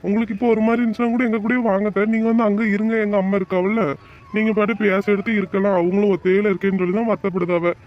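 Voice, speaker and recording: A man voicing a dutiful young son-in-law in an animated family drama, reassuring his mother-in-law. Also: high-pitched, racing, natural voice. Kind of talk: cartoon voice acting. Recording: dull, lo-fi recording.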